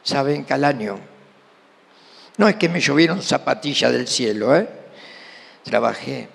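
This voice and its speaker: A man's voice: mid-range voice, measured pace, vocal fry, husky. A middle-aged man with an Argentine Rioplatense accent preaching a sermon, telling a personal testimony and acting out the dialogue. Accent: Argentine Rioplatense Spanish. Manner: animated storyteller, acting out dialogue. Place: church hall. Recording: reverberant church hall.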